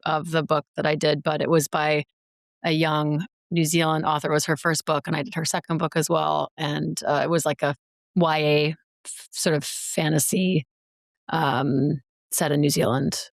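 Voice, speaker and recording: A chatty woman narrator in her thirties talks through her career in a casual interview, often circling back and restarting. Her voice sits a little low and the recording is dry and close. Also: level tone, moderate pace, creaky, no echo. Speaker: audiobook narrator, guest.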